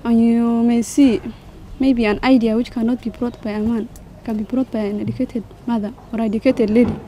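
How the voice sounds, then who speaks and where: A woman's voice: a little high, flat delivery, brisk, mellow, a little hiss or hum, low-quality recording. A woman explaining her views steadily in an interview. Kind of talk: interview answers.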